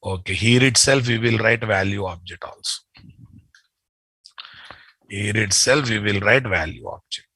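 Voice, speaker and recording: Slow, bright-voiced Telugu-accented Indian man teaching. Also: fairly low pitch, breathy edge, no room sound. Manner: repeats phrases, addresses learners familiarly. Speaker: software instructor. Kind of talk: informal live online lesson. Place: indoor room, video call.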